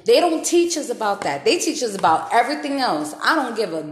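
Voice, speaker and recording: A woman's voice: on the high side, big pitch swings, fairly quick. Woman host, thirties, candid and slangy, echoey room. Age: 30s. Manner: candid, slangy, laughs often. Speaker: podcast host. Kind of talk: casual chat.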